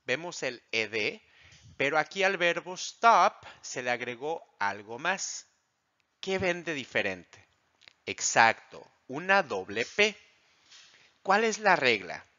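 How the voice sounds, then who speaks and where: A man teaching an English grammar lesson, explaining slowly and asking the class questions that he then answers himself. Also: a little high, big pitch swings, bright, forceful tone. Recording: dull lo-fi audio.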